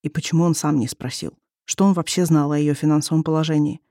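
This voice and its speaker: A reader narrating a story in a steady, descriptive way. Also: medium pitch, quick pace, no echo, studio quality. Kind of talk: audiobook narration.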